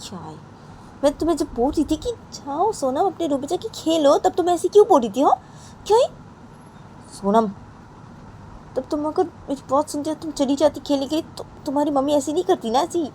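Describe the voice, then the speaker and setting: A woman voicing a gentle partner who coaxes and calms the others in the family. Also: high voice, brisk, slight background noise, pitched above the performer's own voice, rough recording. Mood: coaxing. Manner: coaxing, soothing. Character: soft-spoken gentle partner, placating.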